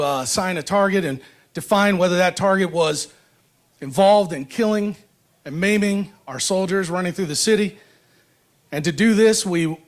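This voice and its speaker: An American man, a veteran, delivers a solemn, emphatic podium speech with deliberate rhetorical phrasing. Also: high voice. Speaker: veteran giving a speech at a rally. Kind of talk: podium speech, public oratory.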